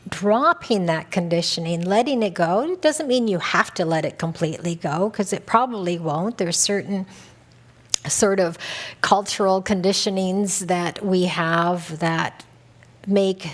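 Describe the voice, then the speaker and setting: Gentle conversational woman spiritual teacher. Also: on the low side. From North America. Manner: gentle and conversational, with soft laughs and easy restarts. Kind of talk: reflective talk at a retreat.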